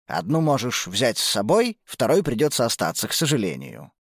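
A woman voicing a grumbling, cautious father in a children's story, dropping her voice low. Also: huge pitch swings, moderate pace, slightly rough, no echo, clean studio sound, heavily acted. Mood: stern.

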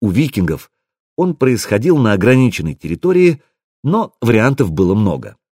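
Expressive male audiobook narrator. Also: fairly low pitch, moderate pace, slightly rough, no echo, clean studio sound. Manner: expressive, wry. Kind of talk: first-person audiobook narration.

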